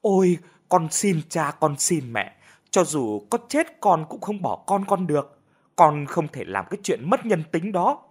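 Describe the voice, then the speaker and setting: A man's voice: medium pitch, big pitch swings, measured pace. A man voicing a young pregnant daughter begging her parents through tears in a storybook reading. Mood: pleading. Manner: pleading, sobbing.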